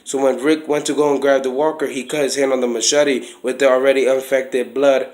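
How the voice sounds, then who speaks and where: A man's voice: medium pitch, level tone, a little fast, darkish tone, rough recording. A man talking casually to his viewers in a video, rambling in a loose, conversational way and often restarting his sentences. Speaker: vlogger. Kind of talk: casual vlog talk to camera.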